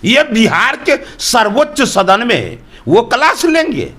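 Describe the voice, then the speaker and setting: High-voiced, animated politician. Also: male voice, measured pace. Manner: emphatic, argumentative, rhetorical questions. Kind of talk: interview answers.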